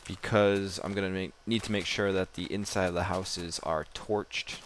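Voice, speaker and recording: A man's voice: deep voice, steady tone, normal speed. A man giving casual, rambling gameplay commentary, self-deprecating and swearing now and then. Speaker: gamer. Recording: noisy home mic recording.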